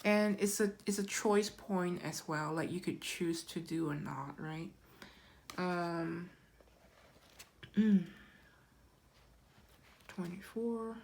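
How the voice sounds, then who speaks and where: A woman giving a pick-a-card tarot reading in an unhurried, reassuring way, often checking in with "right?" and filling pauses with "um". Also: fairly low pitch, fairly even intonation, a little mellow, slight background noise. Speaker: tarot reader.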